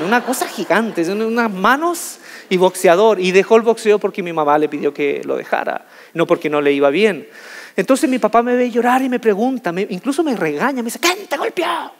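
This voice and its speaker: High-voiced man storytelling in a hall. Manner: animated, jokey, draws out key words. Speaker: motivational speaker. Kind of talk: humorous storytelling talk to an audience. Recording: reverberant hall.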